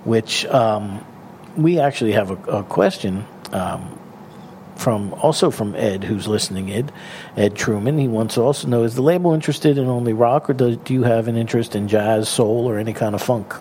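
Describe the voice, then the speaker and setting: A man's voice: medium pitch, a little mellow, slight background noise. Jokey man hosting a radio show. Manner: jokey, laughs often, fills pauses with uh and um. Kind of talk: casual radio talk.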